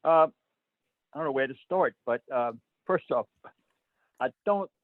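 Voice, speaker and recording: Halting man on a tinny, phone-like line. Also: fairly high pitch, no room sound. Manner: halting, with many "uh"s, argumentative. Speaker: discussion group participant. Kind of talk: group discussion on a video call.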